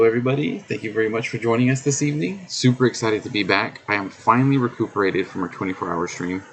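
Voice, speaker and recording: A man's voice: fairly low pitch, gravelly, a bit bright, slight background noise, poor audio. A middle-aged man hosting his own live stream in casual chat, humming and scatting to fill the waits. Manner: chatty, hums and scats while waiting. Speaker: streamer host.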